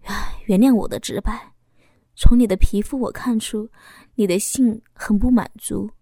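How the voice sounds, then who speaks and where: A woman voicing a young man who is a teasing, devoted lover, speaking in a sly, soft, intimate way. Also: mid-range voice, steady tone, measured pace, dry recording, studio quality. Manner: playful, sly, softly intimate.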